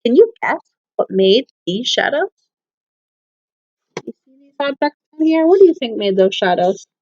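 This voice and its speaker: A woman teacher with a slightly high, darkish voice and big pitch swings reads children's poems at a moderate pace, explaining things and frequently putting questions to young listeners. The audio is dull.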